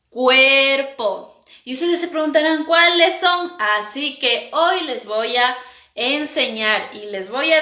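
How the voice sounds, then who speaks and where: A woman teaching young children about sounds, imitating each one in a slow, sing-song way. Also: high-pitched, pushed and bright. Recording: echoey room.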